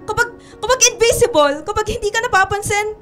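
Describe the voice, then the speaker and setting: A young woman playing a pleading, insecure, resentful girl in a radio drama, tearful and halting, with a Filipino accent. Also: very high voice, fairly bright tone, faint music behind. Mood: bitter, tearful.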